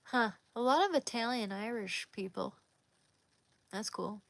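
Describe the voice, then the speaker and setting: Her voice sits a little high and sounds expressive and creaky, with a measured pace and no room sound. She's a woman from Oregon, USA, hosting a casual livestream, easily chatting with viewers and answering their comments by name.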